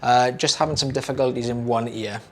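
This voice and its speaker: This young British audiologist describes a procedure on camera in a laid-back, talkative manner, leaning on fillers and repeated words. He speaks fairly quickly in a mid-range voice that sounds slightly hoarse, as if he's losing it.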